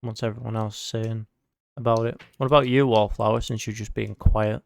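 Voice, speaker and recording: Low, gravelly man rambling on a podcast. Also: level tone, normal speed, no room sound. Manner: rambling, lots of fillers and swearing. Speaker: podcast host. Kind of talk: casual gaming podcast chat.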